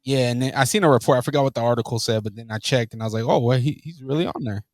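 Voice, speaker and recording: A man co-hosting a podcast in casual chat, animated and teasing, laughing often. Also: medium pitch, very fast, no echo, clean studio sound. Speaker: podcast co-host.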